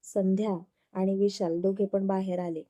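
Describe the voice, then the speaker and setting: A woman reads a romance serial aloud in a calm, steady storytelling manner. Her voice is warm and mellow, never sharp. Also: medium pitch, normal speed.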